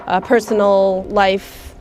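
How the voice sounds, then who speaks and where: A young American woman, speaking thoughtfully in a documentary interview, often pausing with "um" as she searches for words. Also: mid-range voice, little pitch movement, faint music behind. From United States. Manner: thoughtful, soft-spoken, many hesitations with um. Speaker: volunteer.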